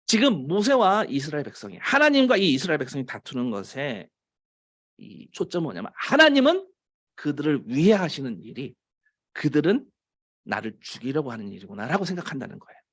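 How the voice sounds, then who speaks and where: Korean man, pastor, sermon, slightly high voice, very lively pitch, stretches key phrases. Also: fairly quick. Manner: swings from emphatic raised lines to low quiet asides.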